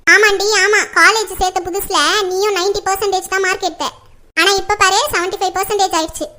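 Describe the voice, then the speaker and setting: A woman's voice: very high-pitched, fairly even intonation, fairly quick. A woman playing a middle-aged mother who scolds her two grown daughters, in a homemade family skit. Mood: lecturing. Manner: nagging, sharp scolding.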